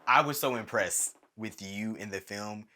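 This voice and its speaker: A man's voice: lowish voice, unhurried. A man, a film director hosting a podcast, chatting casually and telling stories with lots of fillers. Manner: animated, rambling storyteller with many fillers. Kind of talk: casual conversation.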